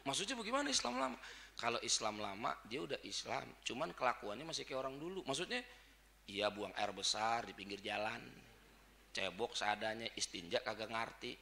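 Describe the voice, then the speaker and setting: A man with a Betawi Jakarta accent preaching a dawn sermon, joking and swinging from quiet asides to shouted points. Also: medium pitch, expressive, a little fast, creaky.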